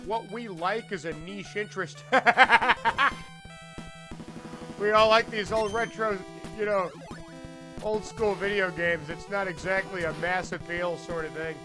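A middle-aged man doing casual live gaming commentary into a stand microphone, joking and self-deprecating. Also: sits high. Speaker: game streamer. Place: indoor streaming setup. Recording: retro game music behind voice.

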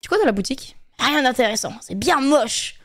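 A woman's voice: high-pitched, expressive, brisk, fairly bright tone. A young woman streaming a game, chatting casually and laughing with friends. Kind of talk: casual gaming chat with friends.

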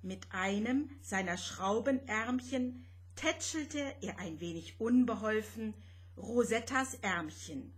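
A woman reading her own children's story aloud in a gentle, expressive way. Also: medium pitch, takes it slowly, husky.

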